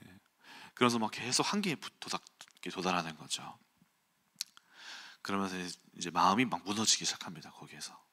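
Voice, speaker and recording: A man preaching an early-morning sermon, telling a personal story in an animated way and acting out quotes and sounds. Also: low-pitched, quick pace.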